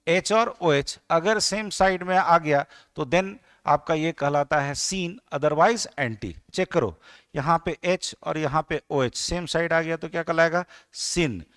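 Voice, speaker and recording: A man's voice: on the high side, fairly bright tone, dry recording, clean studio sound. A man from India teaching a chemistry class, asking his students the same question again and again and mixing English terms into his Hindi. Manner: drills students with repeated questions. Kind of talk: classroom lecture.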